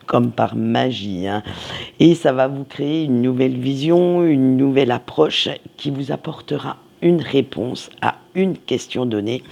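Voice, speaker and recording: A man giving a weekly tarot reading, slow and meandering, reassuring, with many fillers. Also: medium pitch, vocal fry, a little mellow. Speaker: tarot card reader.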